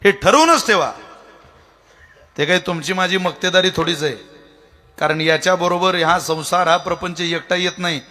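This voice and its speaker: High-voiced, bright male kirtan preacher. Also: moderate pace, long pauses. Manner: lively, humorous, addresses the crowd directly. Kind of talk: devotional kirtan sermon. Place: festival pavilion. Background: faint tabla and instruments.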